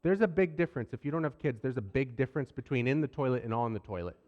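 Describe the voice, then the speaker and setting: A man in his thirties, a pastor, telling a family story from the pulpit with lively, self-deprecating humor. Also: medium pitch, fast, narrow, tinny audio. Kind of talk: sermon storytelling. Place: church sanctuary. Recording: long church hall reverb.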